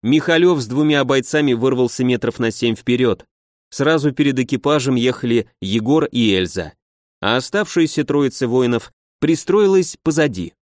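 A man's voice: medium pitch, moderate pace, no echo. Man, audiobook narration, wry, conversational, dry close sound. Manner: even, wry, conversational storytelling. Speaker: audiobook reader. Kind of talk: first-person audiobook narration.

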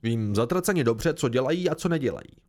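A man reading an audiobook, voicing a gruff middle-aged village mayor who is suspicious and quick to anger, with a creaky voice. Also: medium pitch, lively intonation, lightly acted. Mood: angry.

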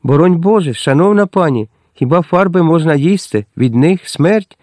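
A man's voice: fairly high pitch, animated, normal speed, a little mellow, no room sound, voice pushed up, natural voice. Guy reading as a timid poor servant girl, eager, kinda pleading, barely changes his voice. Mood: frightened.

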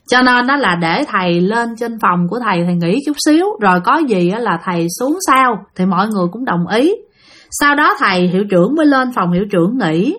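A woman's voice: on the high side, fairly bright tone. A woman with a Southern Vietnamese accent telling a spooky story in a chatty way, often speaking to her listeners. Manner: chatty, addresses listeners directly, frequent fillers.

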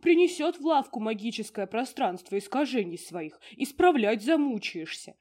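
A woman playing a small grumpy male house spirit who blusters and scolds, loud and emphatic. The voice stays husky and a little raised in this storybook scene. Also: on the high side, sing-song, moderate pace, pitched above the performer's own voice. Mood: blustering.

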